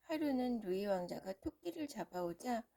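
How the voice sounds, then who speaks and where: A woman's voice: fairly high pitch, lively intonation, normal speed, dark tone. A woman reading a storybook aloud to a young child in a storytelling manner. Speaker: storybook reader.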